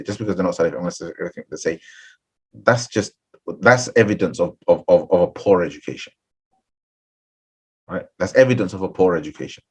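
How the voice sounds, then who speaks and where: Over a webinar computer mic, an Islamic scholar with a low, slightly rough voice counsels seminary graduates. He's a middle-aged, seminary-trained man of Bengali background, earnest in manner, restarting and repeating phrases and asking "right?".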